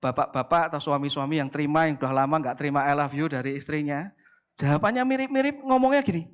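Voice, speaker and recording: Man, pastor, Indonesian accent, high voice, playful sermon storytelling. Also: fast, smooth. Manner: playful, acts out quoted voices.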